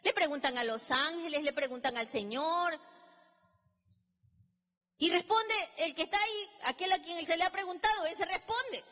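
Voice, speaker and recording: Woman preacher, high and bright, dramatic sermon delivery, long hall reverb. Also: normal speed. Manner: emphatic, dramatic, acts out biblical dialogue.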